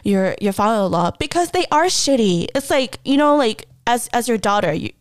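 A woman's voice: high voice, big pitch swings, moderate pace, no room sound. A young woman podcast host telling a personal story candidly, blunt and emotional with heavy swearing, close to tears at times. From Hmong community.

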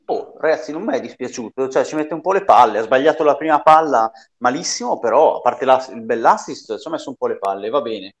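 A man's voice: medium pitch, expressive, fairly quick, hardly any pauses. A man chatting casually about football as a pundit, blunt and slangy, letting phrase endings trail off.

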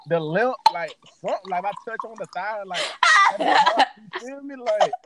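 A man in casual chat reacting to dating questions, animated and slangy, often repeating and restarting his words. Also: sits high, normal speed, heavy background noise. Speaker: guest answering dating questions.

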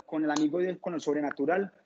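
Male lay preacher, slightly high voice, stammering testimony style, muffled lo-fi recording. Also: steady tone, crowd noise. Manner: halting, with many stammered restarts and repeated words. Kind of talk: informal preaching testimony to a group. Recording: dull lo-fi recording.

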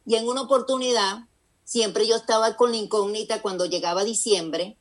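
A woman's voice: a little high, fairly even intonation, normal speed. A woman on a faith radio show, telling a personal story earnestly and with emphasis, acting out the voices of the people she quotes. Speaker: radio guest and author.

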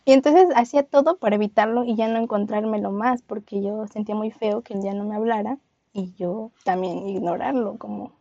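A young woman co-hosting a podcast tells a personal story in casual conversation, speaking a little fast in a mid-range voice with a dark tone. She laughs often and acts out voices, and the recording has no echo but its highs are cut off.

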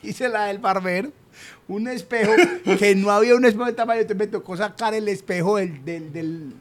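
Man, Colombian Medellín accent, high-pitched, casual podcast storytelling, slangy, animated. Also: brisk. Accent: Colombian, Medellín area. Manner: animated anecdote-telling with slang and sound effects. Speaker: podcast co-host.

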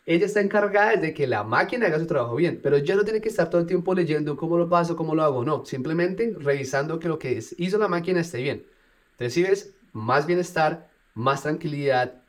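A man who runs a business, talking straight to viewers in a casual tutorial vlog. He speaks with energy and drops punchy sound words like "boom" as he goes. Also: a little fast. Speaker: business owner.

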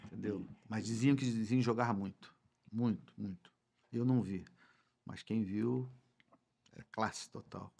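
A warm, lowish, gravelly voice with a slight roughness belongs to a sixty-one-year-old Rio de Janeiro football club president looking back on old times as a podcast guest. He speaks steadily and a little slowly, pausing often and repeating words for emphasis in Brazilian Portuguese.

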